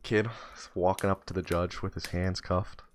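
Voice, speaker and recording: Low-voiced man telling a rambling tale. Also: level tone, normal speed, a little hiss or hum. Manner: loose, profane, rambling with fillers. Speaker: streamer. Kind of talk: casual comic storytelling.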